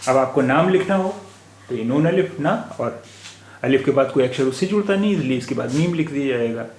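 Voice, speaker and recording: A man teaching letters and words in a slow spoken lesson, patiently repeating each sound aloud, with an Indian Hindi-Urdu accent. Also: mid-range voice, lively intonation, a little mellow, a little hiss or hum. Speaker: language teacher. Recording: echoey room recording.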